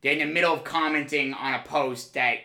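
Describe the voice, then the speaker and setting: A man hosting a comedy podcast, excitable and mock-enthusiastic with quick reactions. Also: medium pitch, reverberant. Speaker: podcast host. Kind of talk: improvised comedy chat.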